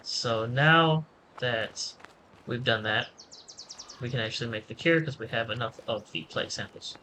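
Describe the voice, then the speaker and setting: A man giving a relaxed, rambling, self-deprecating let's-play tutorial commentary. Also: mid-range voice, moderate pace, slight background noise, low-quality recording. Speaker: gaming channel host. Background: game music.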